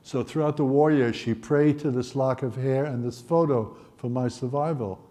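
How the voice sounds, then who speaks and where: A man in his eighties from the Netherlands, telling his life story in a wry, gently humorous way. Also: medium pitch, moderate pace. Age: 80s. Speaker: Holocaust survivor speaker. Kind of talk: personal storytelling talk.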